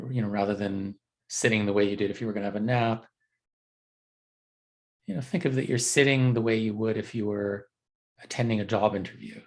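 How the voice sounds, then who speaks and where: Gently guiding a body scan, the man teaches at an easy pace, stopping frequently as he speaks off the cuff. His voice is fairly low, with vocal fry.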